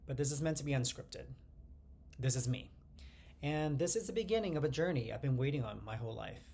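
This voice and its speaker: A man in his forties from the United States, speaking to the camera in a measured, earnest personal monologue as the channel's host. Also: mid-range voice, expressive, vocal fry, warm tone, slight background noise. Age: 40s. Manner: earnest, measured delivery in short phrases, glancing at notes.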